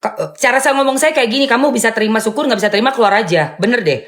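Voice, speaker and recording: A woman hosting a live stream and answering viewer comments in a loud, firm, blunt way, with sharp emphatic rises on dismissive phrases. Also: on the high side, very fast. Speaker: live-stream host and content creator.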